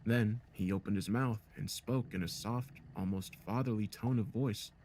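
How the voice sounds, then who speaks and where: Male narrator with a low voice for first-person horror, calm and measured. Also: slight background noise. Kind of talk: scripted narration.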